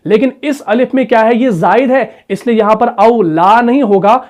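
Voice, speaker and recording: A man teaching a Quran recitation lesson, asking the class rhetorical questions, repeating key points and reciting example words slowly and drawn out. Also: extremely high pitch, a little mellow. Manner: asks the class rhetorical questions and answers them.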